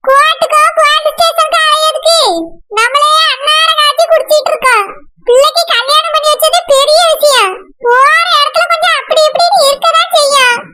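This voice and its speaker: A woman's voice: extremely high pitch, fairly quick, pushed and bright. A woman voicing a stubborn middle-aged village mother who argues insistently, with a Kanyakumari accent. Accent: Kanyakumari Tamil. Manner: pleading then reproachful, insistent. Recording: noisy recording.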